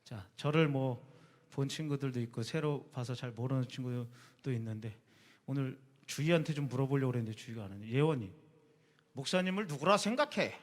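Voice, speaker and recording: A man's voice: medium pitch, a little fast. A man preaching a casual sermon as a youth group pastor, chatty and quizzing his listeners by name, in a church sanctuary. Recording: long reverb of a church hall.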